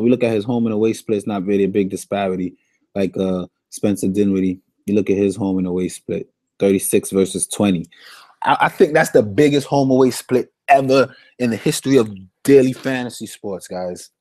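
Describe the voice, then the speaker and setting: A man's voice: on the low side, fairly quick, dark tone, dry recording. A man giving a casual fantasy sports breakdown, thinking aloud and repeating his picks. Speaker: daily fantasy sports analyst.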